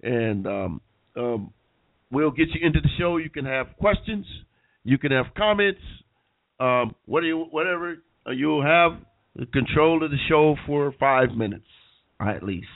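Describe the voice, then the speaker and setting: A man's voice: on the high side, expressive, a little slow, creaky. A man with a nasal voice from being sick, hosting an internet call-in radio show with casual, rambling talk. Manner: rambling with many restarts. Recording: tinny phone-line sound.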